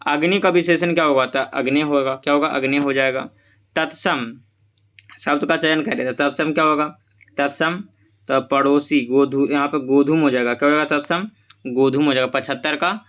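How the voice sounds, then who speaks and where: A man's voice: on the high side, a bit bright, smooth. A man going through exam questions as a tutor, asking each answer back as a question, repeating it and mixing English terms into his explanations.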